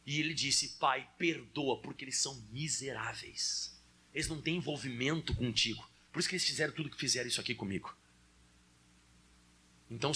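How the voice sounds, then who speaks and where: Bright husky Brazilian male preacher. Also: fairly high pitch. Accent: Brazilian Portuguese. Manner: conversational preaching, addresses congregation directly. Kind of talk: sermon.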